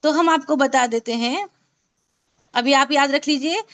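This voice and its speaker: A woman with a high, light voice leads an online recitation class over a video call. She explains each point patiently and repeats sounds again and again so her students can drill them. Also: unhurried, fairly bright tone. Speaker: Quran recitation teacher.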